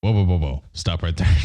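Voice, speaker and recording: A man's voice: sits low, normal speed, warm tone. A young man co-hosting a casual podcast chat, crude, teasing and laughing a lot. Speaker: podcast co-host.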